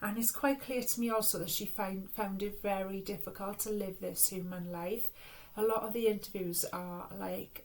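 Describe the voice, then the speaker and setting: A Welsh woman gives a casual spiritual reading to camera, earnest and rambling in a reflective way. Her voice is medium-pitched, and the recording quality is low.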